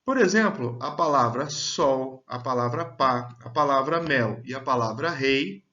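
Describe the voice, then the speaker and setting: Slow, deliberate male teacher, lo-fi. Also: mid-range voice, expressive, pushed and bright. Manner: slow and deliberate, stretching out example words. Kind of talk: slow, clear grammar lesson. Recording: dull, lo-fi sound.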